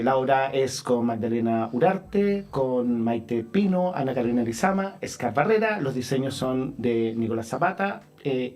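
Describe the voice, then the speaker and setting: A man's voice: medium pitch, darkish tone. A man, a playwright and theatre director, speaking as a radio studio guest and often repeating words as he starts a thought.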